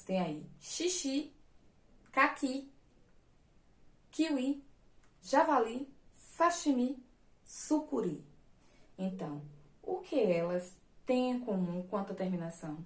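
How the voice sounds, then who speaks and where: A woman teaches a recorded class in a patient, explanatory way. She checks in often with her students at a middle pitch. The room around her is echoey. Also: a little mellow. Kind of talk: recorded online class lesson.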